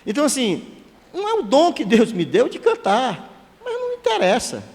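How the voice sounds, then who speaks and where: A church elder preaching to his congregation, chatty and full of humorous asides. His voice sits high for a man and moves widely in pitch. The sound carries a long reverb from the church hall. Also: normal speed. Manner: lively, conversational preaching with asides and self-deprecating jokes. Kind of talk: sermon.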